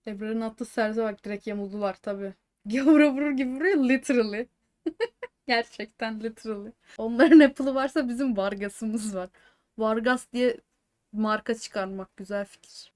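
Woman, streamer, live match reaction chat, excitable, slightly high voice, drops in English words. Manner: excitable, swings between joking chatter and anxious outbursts; mixes English words into her talk.

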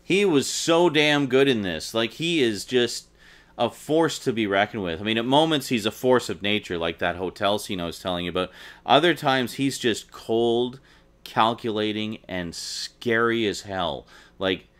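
A man with a fairly low voice talks through a film review. His delivery is casual and enthusiastic. He keeps it loose and chatty, with plenty of fillers. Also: animated, unhurried, a bit bright. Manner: enthusiastic, conversational, with many filler words.

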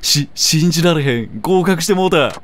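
A man's voice: fairly high pitch, animated, moderate pace, lightly acted. A man doing a kindly comedian with Kansai talk. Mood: dazed. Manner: imitating Kansai dialect, mild and easygoing.

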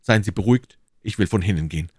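A man's voice: low voice, quick pace, darkish tone, husky, no room sound, studio quality. A man reading aloud and voicing an impulsive young nobleman in love, earnest and heartfelt. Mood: ardent. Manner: earnest, heartfelt, rising to emphasis. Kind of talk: audiobook reading.

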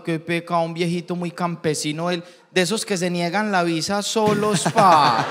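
A young Colombian man telling a comic story, animated, acting out voices and laughing a lot. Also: high-pitched, in a large hall. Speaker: comedian host.

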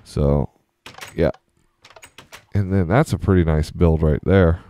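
A young man hosts a Let's Play, giving casual, rambling commentary while he plays a game and tours a server. His voice is a low rumble, slow and warm, and he's chatty and meandering, easily pulled off track.

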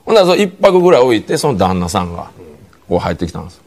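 A man's voice: on the low side, sing-song, rapid-fire, a little mellow. A man with a Kansai accent, a comedian telling a funny personal story on a studio talk show and slipping into imitated voices. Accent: Kansai Japanese. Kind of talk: comic anecdote on a talk show. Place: TV studio with an audience.

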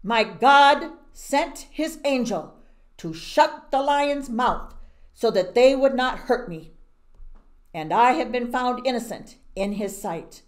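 A woman voicing a faithful male prophet who speaks slowly and earnestly. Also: fairly high pitch, voice pushed up. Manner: slow, loud and earnest.

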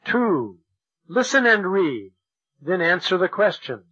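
A man reads out textbook lessons at an unhurried, careful pace, his voice bright and a little husky. The sound is dull and lo-fi, like an old classroom cassette. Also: high-pitched, sing-song. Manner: slow, deliberate, over-articulated delivery for learners. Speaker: textbook audio narrator. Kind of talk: slow, clear textbook reading.

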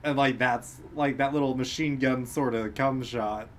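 A man's voice: medium pitch, fairly even intonation, normal speed, a bit bright, slight background noise. A man providing casual commentary alongside a streamer, riffing wryly on absurd ideas. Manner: wry, riffing on absurd bits. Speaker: co-host commentator.

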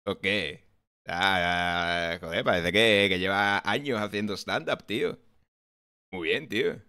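A man with a Spanish accent from Spain making casual, quick remarks as he reacts to a stand-up clip. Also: low voice, pushed and bright, clean tone.

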